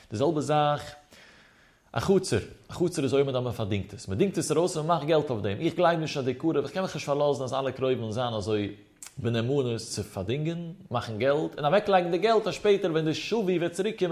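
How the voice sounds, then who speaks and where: Male Talmud teacher, races through the text at a breakneck clip, emphatic and swinging in pitch. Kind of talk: Talmud study lecture.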